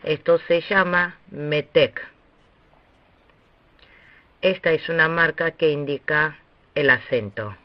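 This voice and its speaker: Man, higher voice, slow lecture pace, dry dull lo-fi recording, teaching a language lesson. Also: dry recording. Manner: slow, deliberate, with long pauses.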